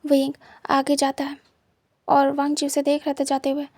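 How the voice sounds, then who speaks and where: A woman narrating a fan story in a steady, plain retelling manner. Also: high-pitched, moderate pace, no echo.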